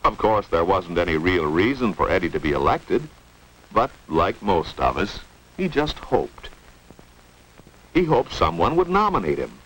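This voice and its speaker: A man's voice: sits low, big pitch swings, a little slow, fairly bright tone, husky. 1950s American film narrator, man, swooping intonation. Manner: explanatory, rhetorical questions. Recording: noisy vintage 1950s film soundtrack.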